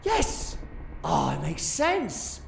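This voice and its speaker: A man playing an excitable, defiant time-travelling adventurer in an audio drama, theatrical and mercurial. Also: a little high, drawn-out words, gravelly, reverberant, slight background noise, exaggerated voice. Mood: gleeful, fascinated. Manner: theatrical, swinging from grave to gleeful.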